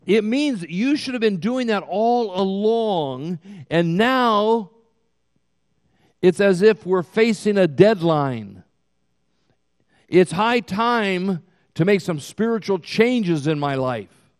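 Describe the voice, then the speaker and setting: A man in his sixties preaching a sermon as pastor, with slow, emphatic delivery that swells to loud peaks, recorded in a church sanctuary. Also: high-pitched, expressive. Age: 60s. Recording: long hall reverb.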